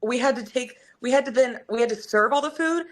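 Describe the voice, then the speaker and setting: A woman telling a long story in casual podcast chat, rambling and animated with many fillers. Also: on the high side, brisk.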